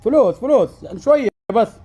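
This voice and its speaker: A man with a Saudi Arabic accent in a prank chat, talking much too loudly and repeating short phrases. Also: extremely high pitch, expressive, fast, muffled recording, faint music behind.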